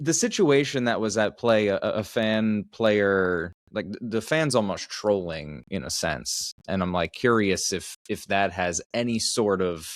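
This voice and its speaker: Low-voiced man, halting and stammery. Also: no room sound, clean studio sound. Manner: hesitant, stammering with repeated words. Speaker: podcast co-host. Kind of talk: casual chat.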